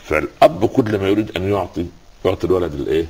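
A man's voice: low-pitched, very fast, darkish tone, slightly rough. A man with an Egyptian accent, an Islamic scholar giving a religious talk, telling stories, quoting scripture and asking rhetorical questions.

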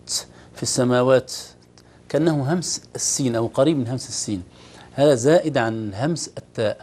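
Man teaching Quran recitation, quick speech. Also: medium pitch, mellow, husky. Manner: demonstrates recitation, then explains pronunciation.

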